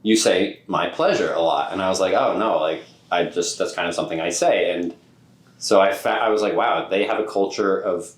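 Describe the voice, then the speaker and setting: A man's voice: sits low, steady tone, a little fast. A man hosting a casual podcast conversation, thinking aloud in a reflective way with stammers and restarts. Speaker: podcast host. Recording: roomy echoey room.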